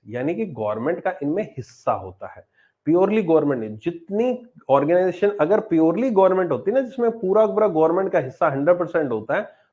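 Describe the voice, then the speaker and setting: A man gives a live online banking lesson, keeping it loose and talky and answering questions from the chat. His voice sits a little higher than most men's, and the stream audio sounds dull and lo-fi. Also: a little mellow, slightly rough. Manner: chatty, reads out and answers students' chat questions. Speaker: banking exam teacher. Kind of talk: live online class lecture.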